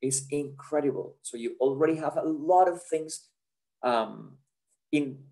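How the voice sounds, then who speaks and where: A man's voice: fairly high pitch, unhurried, vocal fry, mellow. Earnest man presenting a webinar. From Colombia. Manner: earnest, chatty, tag questions like "yeah?" and "right?". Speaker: career counsellor, webinar presenter. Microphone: video call.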